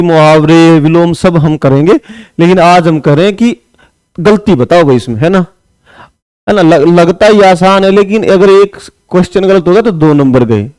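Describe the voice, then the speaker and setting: A man's voice: high-pitched, a little mellow, no echo. A man teaching a Hindi spelling lesson for exam prep, explaining step by step and asking his students questions. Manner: explains step by step, often asks "है ना"; writes on a board while talking.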